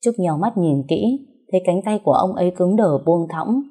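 Low, mellow woman narrating a story. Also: animated, normal speed, breathy edge.

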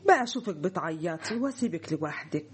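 A woman's voice: on the low side, animated, fast, a little hiss or hum, close to an everyday voice. An actress with an Egyptian accent playing a fussy, doting, middle-aged mother in a radio drama, coaxing and chatty. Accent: Egyptian Arabic. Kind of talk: classic radio drama acting.

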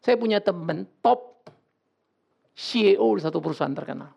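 Gravelly-voiced male pastor preaching bluntly. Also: high-pitched, lively intonation, moderate pace, a little mellow, dull audio. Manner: blunt, joking, colloquial preaching. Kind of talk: sermon.

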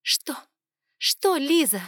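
A defiant young woman heroine cries out in high, shrill, loud bursts, as the narrator puts her on. Tears hang at the edge of the voice, recorded dry and close for an audiobook. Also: sing-song, extremely slow, no echo, exaggerated voice. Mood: angry. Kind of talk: audiobook character voice.

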